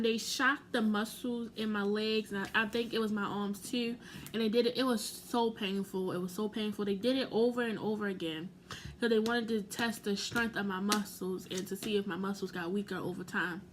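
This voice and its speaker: A woman's voice: medium pitch, background noise. A young woman telling a personal story to camera in a chatty, rambling way, full of "like" and self-corrections. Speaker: vlogger.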